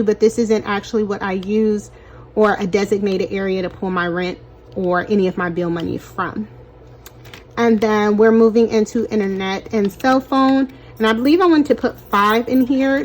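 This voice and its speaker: A woman's voice: medium pitch, a little mellow. A young woman chatting casually to her viewers as she stuffs cash envelopes, a little short of breath from pregnancy and often calling out to "you guys". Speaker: budgeting vlogger.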